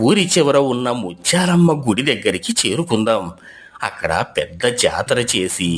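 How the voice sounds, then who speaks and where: A man voicing an elderly, hard-of-hearing village headman in a storybook tale, speaking slowly and deliberately in a low voice. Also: fairly bright tone. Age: older. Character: elderly deaf male village headman, slow and worried. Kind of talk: storybook voice acting.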